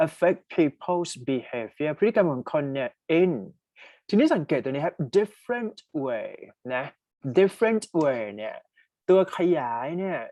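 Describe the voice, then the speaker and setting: Young thai guy tutoring english online, slow deliberate pace, dry close sound. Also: medium pitch, darkish tone, no echo. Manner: reads English sentences slowly, explains quickly in Thai; asks students to type answers in chat. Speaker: English teacher. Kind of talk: online exam-prep lesson.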